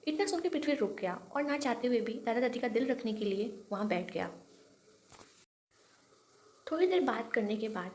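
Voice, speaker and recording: A woman narrating a romantic storybook with expressive, dramatic delivery. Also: fairly high pitch, moderate pace, long pauses.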